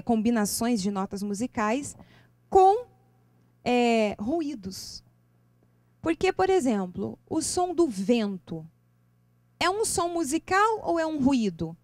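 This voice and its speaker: A Brazilian woman lecturing to a live audience on music and spirituality, animated and expressive, asking her listeners question after question. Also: no echo. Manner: lively, expressive intonation with sudden leaps in pitch. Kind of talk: seminar talk to a live audience. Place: lecture venue.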